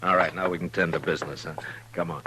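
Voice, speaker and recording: An actor playing a calm, authoritative frontier marshal in a 1950s radio western, with an American accent and a dry, measured delivery. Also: male voice, sits low, natural voice. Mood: dry, teasing. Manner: laconic, measured. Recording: slightly noisy old radio recording.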